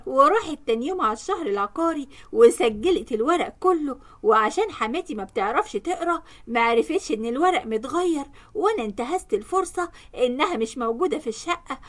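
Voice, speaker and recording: An Egyptian woman narrating a dramatic first-person family story. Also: sits high. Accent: Egyptian Arabic.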